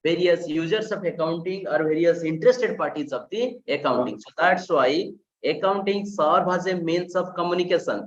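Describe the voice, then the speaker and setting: A man's voice: high voice, echoey room, recorded from a distance, muffled recording. A man teaching an online class, explaining with rhetorical questions and repeating key phrases. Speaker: lecturer. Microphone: video call.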